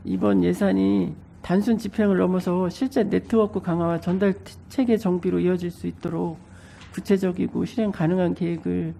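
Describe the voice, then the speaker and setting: A woman with a stuffy nose from a cold, politely putting formal questions as a council member in a measured, slightly hesitant way. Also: on the low side, fairly even intonation, gravelly, dark tone, a little hiss or hum.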